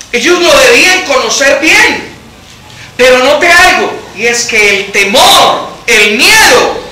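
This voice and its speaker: Animated, very high, bright-voiced teacher. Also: male voice, slight background noise. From Colombia. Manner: animated, questions the congregation, reads scripture dramatically. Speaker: Bible study teacher. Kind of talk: church Bible study teaching. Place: church hall. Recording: echoey church hall.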